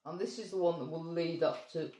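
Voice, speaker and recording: A woman's voice: lowish voice, fairly even intonation, fairly quick, mellow, reverberant. A woman co-hosting a casual vlog, chatting with friendly asides. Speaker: vlog co-host. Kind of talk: casual chat.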